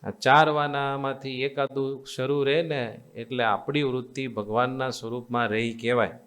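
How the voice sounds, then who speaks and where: A man's voice: mid-range voice, level tone, moderate pace, a bit bright. A man with a Gujarati accent giving a devotional sermon as a swami, teaching in a coaxing, repetitive way and quizzing his listeners with call-and-response questions. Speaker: swami giving a religious discourse. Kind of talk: devotional sermon to a live assembly.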